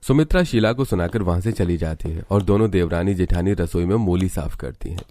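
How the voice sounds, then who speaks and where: A man narrating a cartoon family story in an even, storytelling way. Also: sits low, brisk, no echo.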